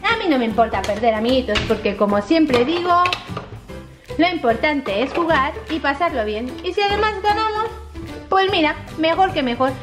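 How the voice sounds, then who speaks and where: A woman with a Spain Spanish accent hosting children's toy videos in a playful, exclamatory, squeaky sing-song manner. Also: lively intonation, normal speed. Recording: music behind the voice.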